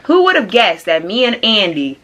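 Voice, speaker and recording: A young woman of twenty-one chatting excitedly and casually as she does her makeup for a vlog, full of slang. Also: mid-range voice, normal speed. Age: young adult. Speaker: beauty vlogger. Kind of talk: casual get-ready-with-me chat. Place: home studio room.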